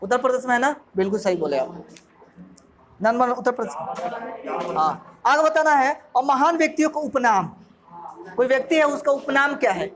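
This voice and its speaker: Quizzing his students in a jokey revision session, a Bihari-accented coaching teacher from Bihar, India speaks in a very high-pitched, expressive, slightly bright voice. He is brisk yet leaves long pauses. The classroom is packed with students, and the recording is noisy and crowded.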